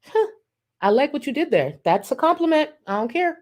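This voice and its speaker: A woman with a high, sing-song voice talks a little fast while streaming live. Reacting to a video and reading super chats, she offers casual commentary that's sassy, profane, and mocking, punctuated by frequent laughter.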